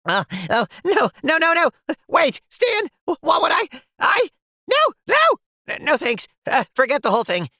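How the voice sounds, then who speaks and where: A man's voice: extremely high pitch, expressive, fast talker, few pauses, sharp tone, no echo, clean studio sound, exaggerated voice. An actor playing a shy, self-doubting young male pen in a cartoon, stammering and anxious. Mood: nervous. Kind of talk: animated cartoon voice acting.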